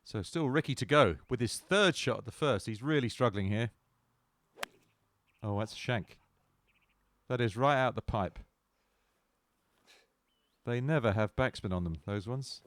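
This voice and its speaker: A man's voice: mid-range voice, animated, unhurried, pauses often, a bit bright, dry recording. A man giving wry golf commentary with dry, playful understatement.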